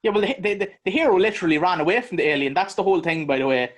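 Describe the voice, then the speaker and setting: A man co-hosting a podcast, chatting casually about a movie in a blunt, animated way and swearing freely. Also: high voice, rapid-fire. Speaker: podcast co-host. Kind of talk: casual movie review chat.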